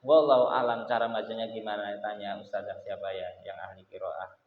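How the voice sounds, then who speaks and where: A man's voice: lowish voice, level tone, brisk, slight background noise. A man with an Indonesian accent teaching a Quran commentary lesson, explaining grammar and chanting Arabic phrases. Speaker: Islamic teacher. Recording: echoey hall, tinny phone-like audio.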